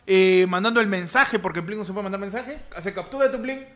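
A man's voice: high-pitched, fast talker, a crowd in the background. A young Peruvian man co-hosting a comedy podcast, laughing often and stumbling over words as he jokes. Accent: Peruvian Spanish. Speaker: podcast co-host. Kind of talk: casual comedic chat.

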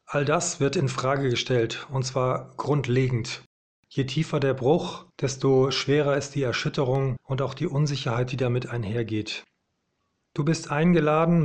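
A man giving a devotional sermon in a calm, measured way. He slows down and draws out the repeated affirmations. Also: medium pitch. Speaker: preacher.

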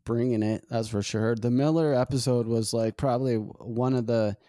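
A man hosting a podcast, talking in a halting, reflective way with many fillers and restarts. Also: mid-range voice, fairly even intonation, mellow, no echo, clean studio sound. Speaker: podcast host. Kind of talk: casual conversation.

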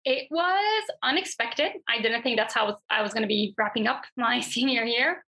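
A Turkish journalist in her twenties, appearing as a guest, answers interview questions in a chatty, thoughtful way, full of fillers and restarts. Her voice is a little high, pushed and bright with a breathy edge, at a moderate pace.

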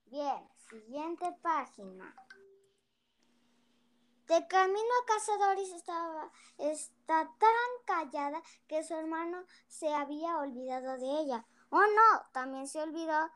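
A child slowly reading a picture book aloud, with small hesitations and restarts. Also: female voice, high-pitched, animated. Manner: slow, careful reading with little hesitations. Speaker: young storyteller.

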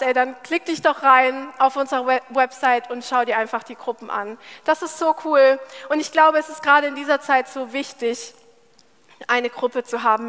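A woman's voice: sits high, fairly bright tone, big-room sound. A young woman giving a casual, chatty sermon at church, laughing often as she talks. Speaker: church speaker.

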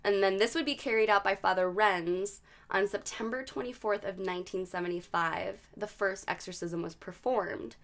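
A woman's voice: mid-range voice, moderate pace, a bit bright. A woman hosting a podcast, telling a case story in a chatty, casual way with lots of fillers. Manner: chatty, many likes and ums. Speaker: podcast host.

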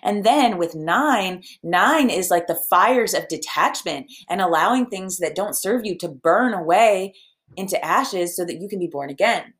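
Young female podcast host, casual and chatty, emotional and upbeat, slightly low-pitched. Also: animated, unhurried, a bit bright. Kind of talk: casual spiritual podcast talk.

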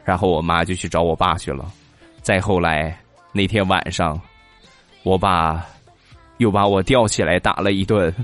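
A man's voice: low voice, steady tone, moderate pace, pauses often, fairly bright tone, faint music behind. A man telling comic anecdotes about children and puts on their voices in the quotes. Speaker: comedic storyteller. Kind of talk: comic monologue of kids' anecdotes.

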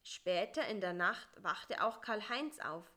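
Calm, slow female storyteller. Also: mid-range voice. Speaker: narrator. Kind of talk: storybook reading.

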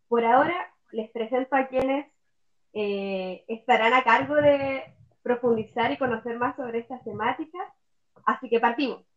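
A woman from Chile opens and runs a community podcast, chatty and easygoing. Her voice sits a little high. The recording is muffled and lo-fi. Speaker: podcast host. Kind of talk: casual podcast hosting.

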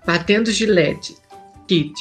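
A woman guest on a podcast, chatting in a playful, expressive way. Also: on the low side, slow pace, soft background music. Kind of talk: casual podcast chat.

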